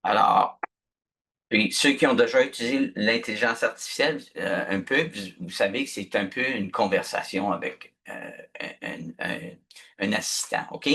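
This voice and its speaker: A man runs a video-call workshop. His voice sits low and a little husky. He explains things patiently and keeps checking that everyone is following. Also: moderate pace, sharp tone. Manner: patient, chatty, often checks "ok?". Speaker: instructor. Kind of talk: live online workshop teaching.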